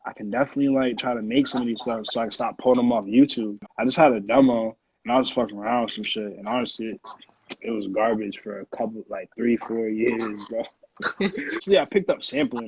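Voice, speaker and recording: A man in his twenties, a music producer from Connecticut, chats as an interview guest with an American accent and a slangy, profane style. His medium-pitched voice is darkish and breathy-edged, fairly quick, with fairly even intonation, captured on dull, roomy lo-fi call audio.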